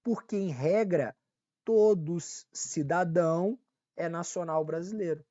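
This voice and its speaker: In a dry, muffled recording, a man with a slightly high, mellow voice speaks at a measured pace. His Brazilian Portuguese accent comes through as he teaches law in a relaxed online exam-prep lecture, frequently checking in, repeating the essentials and self-correcting.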